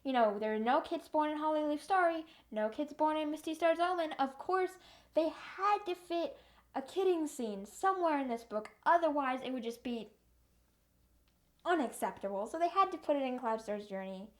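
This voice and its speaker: A young woman giving a casual, rambling book review rant in an exasperated, animated way. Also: high voice, normal speed.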